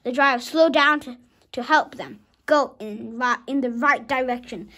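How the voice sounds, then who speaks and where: A child of about five reads a storybook aloud dramatically in a high, bright, forceful voice at normal speed. Now and then the child stumbles over words and rereads them.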